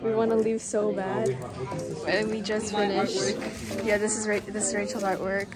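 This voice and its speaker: A young woman around eighteen, chatting casually to her phone camera in a student vlog, soft-spoken and giggly. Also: mid-range voice, flat delivery, normal speed, over a noisy crowd. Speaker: student vlogger. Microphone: phone held at arm's length. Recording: music playing loudly over the voice. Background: background music.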